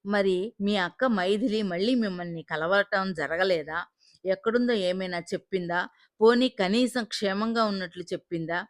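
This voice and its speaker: A woman's voice: mid-range voice, moderate pace, no echo, studio quality, natural voice. A woman reading the part of a polite male writer asking careful questions. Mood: curious. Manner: polite, inquiring. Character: courteous male writer, curious listener.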